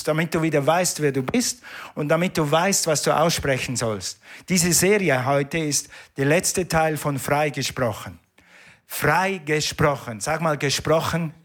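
A man preaching a sermon in a church, emphatic and repetitive, calling the congregation to respond. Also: on the high side. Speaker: pastor.

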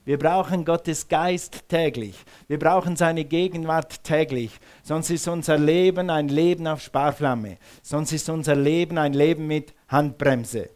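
A man's voice: on the high side, steady tone, a little slow, hardly any pauses, darkish tone. A male pastor preaching a sermon in a church hall, calling on the congregation to repeat words back to him. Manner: engages the congregation with call-and-response; uses some Swiss words.

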